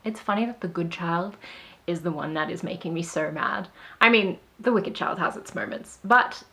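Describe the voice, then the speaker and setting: A woman's voice: on the low side, normal speed, a bit bright. A woman author talking straight to the camera in a casual vlog, wry and self-deprecating, with a sarcastic edge. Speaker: author vlogger.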